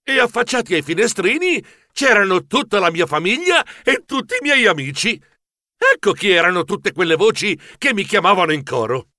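A man narrating a children's story in a lively, exclamatory way. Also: high-pitched, moderate pace, no room sound, studio quality. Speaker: audiobook narrator.

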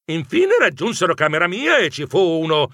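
A man narrating a children's story in an expressive, animated way. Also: a little high, moderate pace, dry recording. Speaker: audiobook narrator.

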